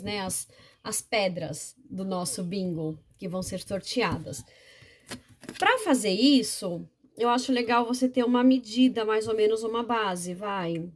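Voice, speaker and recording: A woman teacher with a Brazilian Portuguese accent, explaining a classroom game step by step in a patient, chatty way, often checking in with her viewers. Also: fairly high pitch. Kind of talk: instructional video demonstration.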